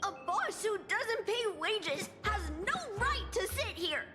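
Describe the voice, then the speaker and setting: A woman's voice: extremely high pitch, lively intonation, takes it slowly, long reverb tail. A woman streamer reading game dialogue aloud while playing, in a playful, bubbly manner. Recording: loud game music behind.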